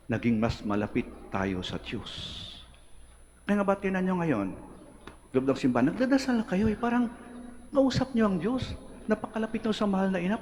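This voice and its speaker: Priest preaching a homily. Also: male voice, high voice, slight background noise. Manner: animated preaching with quiet, intimate asides. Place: church.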